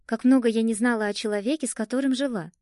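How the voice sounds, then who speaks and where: A woman narrating a first-person audiobook in a lively, expressive storytelling manner. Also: on the high side, fast, no echo, clean studio sound.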